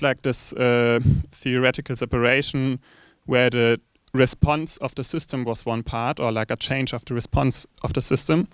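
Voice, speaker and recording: Clear-voiced German man, close and dry. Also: medium pitch, no room sound. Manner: halting, searching phrasing. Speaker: audience questioner. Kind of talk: spontaneous question at an academic talk.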